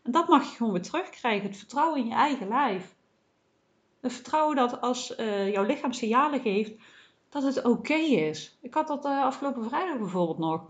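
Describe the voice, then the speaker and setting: Gentle, reassuring woman podcaster. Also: a little high, animated, fairly quick, muffled recording. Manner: gentle and reassuring, with frequent "hè" tags and fillers. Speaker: podcast host. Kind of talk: casual self-help podcast monologue.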